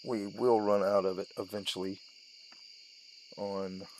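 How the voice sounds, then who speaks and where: In a rough recording with a little hiss or hum, a gaming host speaks unhurriedly in a lowish, darkish voice with flat delivery. His let's-play commentary is casual, talking himself aloud through each step in brief, trailing phrases.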